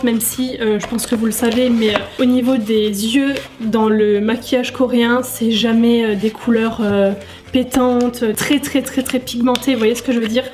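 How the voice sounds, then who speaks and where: Beauty vlogger, woman; slightly high, chatty and casual, faint music underneath. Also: a little mellow. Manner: chatty, many fillers, addresses viewers directly. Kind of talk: casual makeup tutorial chat.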